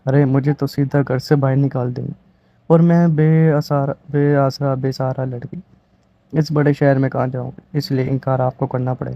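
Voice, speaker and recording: A sly, headstrong orphaned young woman from a romance story, as a male reader puts her on. She pleads and protests with a dramatic flair. The voice sits at a middling pitch, and the recording sounds a little dull. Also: little pitch movement, mellow, dry recording, natural voice. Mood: pleading.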